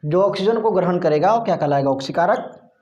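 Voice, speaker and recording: A man's voice: high voice, lively intonation, fast talker, a little mellow, highs cut off. A male teacher giving a classroom chemistry lesson, putting questions to the class and answering them himself, repeating the key terms.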